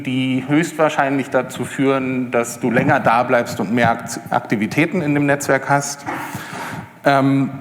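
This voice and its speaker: A man's voice: medium pitch, a little hiss or hum. Man giving a talk in an echoey hall. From Berlin. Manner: hesitant, many fillers and restarts. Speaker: conference speaker. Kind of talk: live tech talk. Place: lecture hall with audience. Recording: echoey hall with long reverb.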